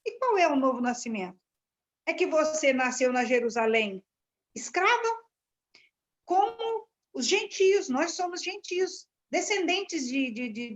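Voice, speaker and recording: A woman with a high voice works through a Bible passage in a study class, with many pauses and restarts. The sound is dull and lo-fi. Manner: searching, halting delivery with restarts. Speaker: class participant.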